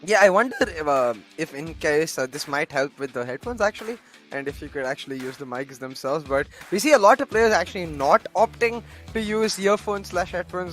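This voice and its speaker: High-voiced upbeat male esports caster. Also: a bit bright. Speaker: esports play-by-play commentator. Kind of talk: esports commentary.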